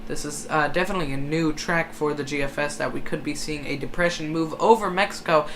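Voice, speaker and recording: While hosting a live hurricane-tracking stream, this person comments on forecasts hesitantly and keeps correcting their own words. The voice is medium-pitched and brisk, with noticeable background noise in the recording.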